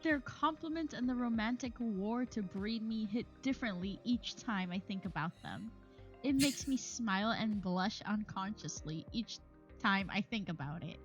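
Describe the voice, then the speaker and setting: A woman's voice: medium pitch, moderate pace, lo-fi sound, soft background music. A woman co-hosting a podcast, reading a romance novel aloud and breaking off for wry comments and laughter. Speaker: podcast co-host.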